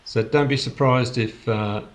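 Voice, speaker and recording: A man of average pitch talks slowly and reflectively over a video call. He often restarts his sentences and lets small laughs slip in between his thoughts. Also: fairly even intonation. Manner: unhurried, halting, with many restarts and soft laughs. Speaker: host of a spiritual gathering.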